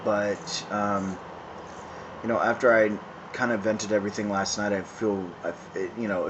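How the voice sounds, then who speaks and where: A man in his thirties talking casually to a phone camera outdoors, smoking, with many pauses and restarts. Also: on the low side, highs cut off. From San Francisco, California. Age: 30s. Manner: halting, many ums and restarts, conversational. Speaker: vlogger. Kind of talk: casual rambling monologue. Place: outdoors in town, evening. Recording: phone video with clear background noise.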